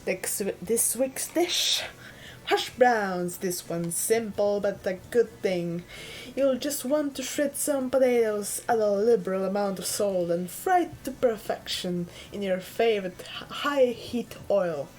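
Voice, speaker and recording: A woman's voice: mid-range voice, takes it slowly, darkish tone, lightly acted, rough recording. A woman voicing a grand old-time female TV cooking host, in a theatrical 1950s broadcast announcer delivery as she reads the show's lines aloud. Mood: grandiose. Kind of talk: reading in-game TV lines aloud.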